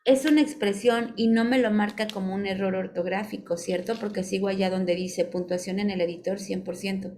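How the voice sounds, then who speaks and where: A woman's voice: mid-range voice, steady tone, brisk, hardly any pauses, a little mellow, slight background noise. Mexican woman teaching a class online. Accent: Mexican Spanish. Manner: patient, checks in with "ok?" often, calls on students. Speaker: online course instructor. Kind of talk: live online class on spelling and punctuation.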